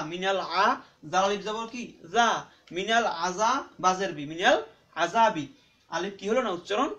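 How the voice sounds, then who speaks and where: A man teaching Quran reading in Bengali, who asks and answers his own questions and spells out letters slowly syllable by syllable. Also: sits high, bright, forceful tone. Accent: Bangladeshi Bengali. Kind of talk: spoken classroom-style lesson.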